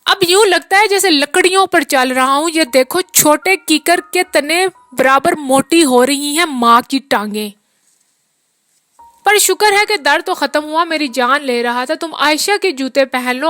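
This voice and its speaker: A woman's voice: sits high, measured pace, fairly bright tone, no room sound. A woman reading the part of a weary, peasant-born man who rambles through a long, rueful account of his hard years. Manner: long rambling confessional talk.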